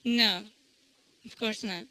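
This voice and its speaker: A man from Canada calling in with a voice changer that morphs his voice into a higher, female-sounding one, speaking quietly, slowly and teasingly. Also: steady tone, clean tone, low-quality recording. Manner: quiet, slow, giggly and teasing. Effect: voice changer morphing a male voice into a higher female-sounding one. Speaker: caller. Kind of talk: prank call-in chat.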